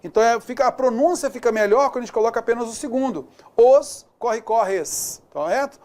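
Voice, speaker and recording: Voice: medium pitch, very fast. Chatty Brazilian grammar teacher. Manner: chatty, keeps checking in with the listener; walks through examples aloud, repeating words. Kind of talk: recorded exam-prep grammar lesson.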